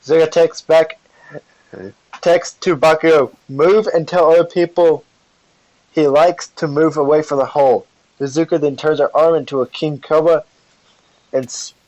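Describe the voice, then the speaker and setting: A man's voice: fairly high pitch, darkish tone, no room sound. A man casually narrating a fan-fiction story over a voice call, rambling with fillers and asides. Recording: dry, dull lo-fi call audio.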